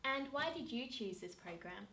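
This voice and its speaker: A woman's voice: fairly high pitch, lively intonation, normal speed, bright, forceful tone. A young woman hosting a university video, introducing guests and asking questions in an upbeat, encouraging way. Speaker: host. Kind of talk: presenting, interviewing. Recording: roomy, from a distance, faint hiss.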